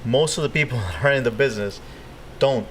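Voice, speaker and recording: A man's voice: medium pitch, fairly quick, slight background noise. A man hosting a casual podcast interview, rambling with frequent restarts and "you know". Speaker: podcast host. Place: nightclub.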